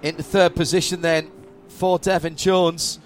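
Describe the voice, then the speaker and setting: A woman's voice: fairly low pitch, level tone, measured pace, slight background noise. A woman giving live motorsport commentary as lead commentator, with a running call that swells with the action.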